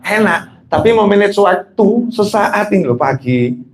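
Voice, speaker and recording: A man's voice: sits high, expressive, unhurried, a little hiss or hum. A middle-aged man preaching a sermon, telling a story and joking with his congregation.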